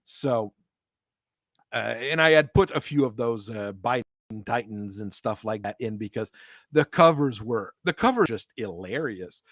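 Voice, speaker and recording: A man's voice: mid-range voice, lively intonation, a bit bright, no room sound, clean studio sound. Rambling man hosting a casual chat. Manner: rambling, halting, laughs often. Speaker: host.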